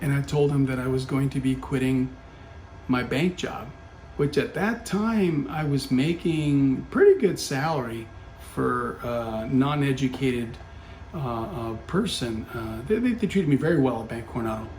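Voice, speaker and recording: This company founder, a middle-aged man guesting on a podcast, tells a story from his life in relaxed conversation full of fillers and self-corrections. His medium-pitched voice has a darkish tone and a measured pace. The audio has roomy echo with a faint hum underneath.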